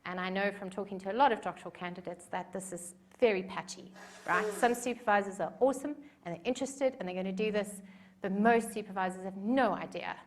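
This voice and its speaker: This conference speaker is a fast-talking woman in her forties with a medium-pitched voice and a South African accent. Addressing a conference room, she keeps things chatty and self-deprecating, leaning heavily on fillers.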